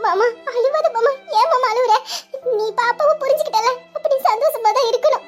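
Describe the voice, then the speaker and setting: A woman's voice: very high voice, fairly quick, faint music behind. A woman voicing Nila, a tender young woman in a Tamil audio drama, pleading and coaxing through tears. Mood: coaxing tearful.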